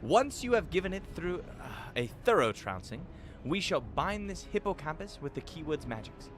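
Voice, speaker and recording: A man's voice: fairly high pitch, sing-song, moderate pace, a bit bright, a little hiss or hum, pitched above the performer's own voice. A man reading the lines of a formal ancient scholar-mage from a game, in stately archaic phrasing. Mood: measured. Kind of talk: reading game dialogue aloud.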